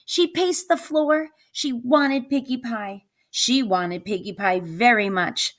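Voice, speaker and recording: A woman teacher reads a storybook aloud to children, adding dramatic emphasis and asking coaxing questions of her listeners. Her voice is a little high and she takes it slowly in this expressive read-aloud.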